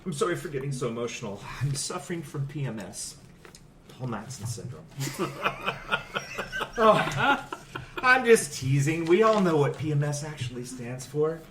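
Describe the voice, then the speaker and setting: A man hosts a comedy podcast in a mock-earnest, joking tone. His pitch rises and falls a lot. Faint noise sits under the voice. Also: sing-song, measured pace, long pauses. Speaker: podcast host. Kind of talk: comedic movie review podcast chat.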